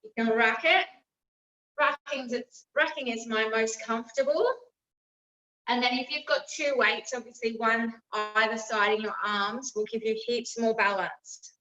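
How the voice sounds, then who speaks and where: Female fitness instructor, high-pitched, encouraging, calling out exercise cues; roomy, distant recording. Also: steady tone, measured pace, pushed and bright. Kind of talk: live workout coaching with encouraging cues. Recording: roomy, distant mic, slightly dull.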